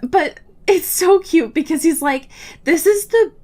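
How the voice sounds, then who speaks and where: A woman with a very high, slightly slow voice and a darkish tone co-hosts a podcast. She casually recaps a book, gushing and swearing and laughing often.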